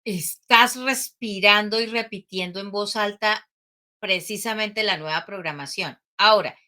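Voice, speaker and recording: A woman guest explaining her program in an emphatic way, acting out what people shout. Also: mid-range voice, a little slow. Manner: emphatic, acts out shouts and quotes. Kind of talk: casual interview talk.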